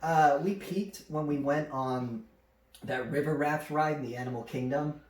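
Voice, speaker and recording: A man's voice: on the high side, a little slow, far from the mic. A man co-hosting a podcast, telling casual stories with lots of swearing and laughter. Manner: laughs a lot, swears freely, animated when telling stories. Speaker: podcast co-host. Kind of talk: casual chat, storytelling. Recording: echoey room, voice a bit off-mic, faint noise.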